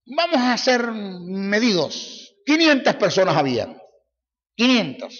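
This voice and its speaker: Brief: male Bible teacher, high voice, forceful and mocking, repetitive sermon, echoey lo-fi hall recording. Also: sing-song, slow, slightly rough.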